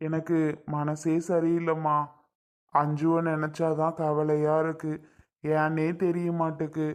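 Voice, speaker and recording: A man playing a worried aging father, slow and fretful. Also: fairly high pitch, monotone, natural voice.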